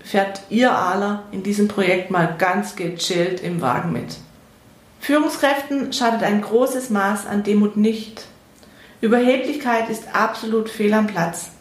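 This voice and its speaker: A woman on a podcast speaking in a measured, matter-of-fact way. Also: mid-range voice. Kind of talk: conversational podcast talk, reading a scenario. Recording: echoey room.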